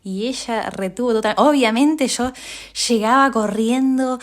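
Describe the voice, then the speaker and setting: A woman with a Rioplatense Spanish accent, hosting a podcast and telling a personal story in an animated way, laughing often and filling her talk with small hesitations. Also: unhurried. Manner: animated, laughing often, with frequent fillers and pitch jumps. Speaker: podcast host.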